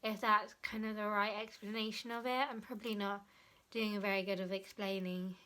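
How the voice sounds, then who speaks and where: A woman's voice: medium pitch, flat delivery, a little fast, pushed and bright. A young woman vlogger talking casually about a book she has read, chatty and often stopping to search for the right word or correct herself.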